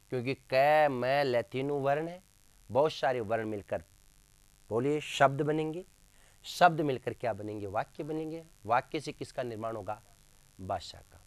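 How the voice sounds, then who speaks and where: Speaking in a mid-range voice with no room sound, a male teacher delivers a classroom lecture. He emphatically repeats key terms, answers his own questions, and treats his listeners as friends.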